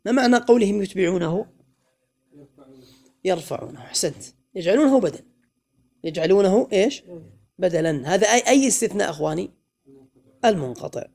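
A man teaching a grammar class, his voice gravelly and mellow. He keeps quizzing the room with questions and slows down to chant lines of verse. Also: high-pitched, lively intonation. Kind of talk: classroom lesson.

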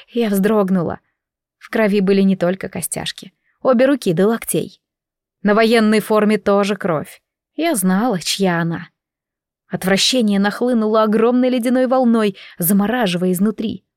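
A woman reading a dramatic audiobook aloud, slow and measured, voicing every character with emotion. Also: mid-range voice, a little mellow, no echo, studio quality. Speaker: audiobook narrator.

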